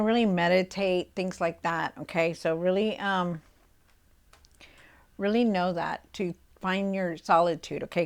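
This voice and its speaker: A woman tarot reader talking casually to her viewers, with lots of fillers and asides. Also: lowish voice. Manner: chatty, many fillers and asides.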